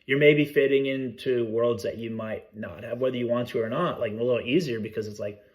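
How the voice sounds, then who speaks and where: A man's voice: mid-range voice, brisk, muffled recording. Rambling, profane man in casual podcast chat. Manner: rambling, self-interrupting, swears freely. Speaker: podcast co-host.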